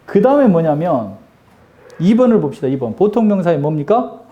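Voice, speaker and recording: A man's voice: on the high side, sing-song, normal speed, dull audio. A middle-aged man teaching an English grammar lesson, joking and teasing his students with constant rhetorical questions. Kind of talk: lively classroom lecture.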